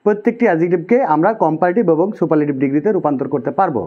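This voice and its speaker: Male grammar tutor, Bangladeshi Bengali accent, slightly high voice, patient and repetitive, muffled lo-fi recording. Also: lively intonation. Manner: patient, repeats key rules slowly. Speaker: English grammar teacher. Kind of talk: explanatory lesson. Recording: dull lo-fi sound.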